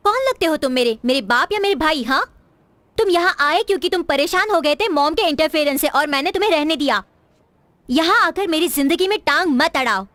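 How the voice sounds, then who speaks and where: A sharp-tongued young woman who guards her privacy. Her voice is very high and dry. She snaps back in a scolding tone, read as dubbed drama acting. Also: expressive, brisk, dry recording. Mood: defiant.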